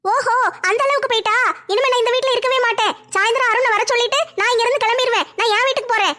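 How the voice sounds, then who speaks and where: A woman playing a sharp-tongued young daughter-in-law in a family comedy skit, shrill and scolding. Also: fairly even intonation, rapid-fire. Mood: taunting.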